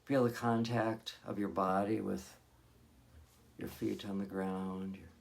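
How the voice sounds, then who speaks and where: A hypnotherapist guides a meditation, his deep, gravelly voice fairly even in intonation. He gives gentle, soothing instructions and leaves long pauses between phrases.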